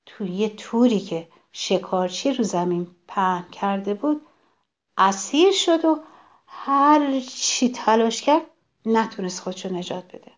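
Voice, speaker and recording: A woman tells a children's story aloud, speaking straight to her young listeners. Her pitch sits in the middle but moves very lively. The telling is animated and warm to the kids. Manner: animated, addressing children directly.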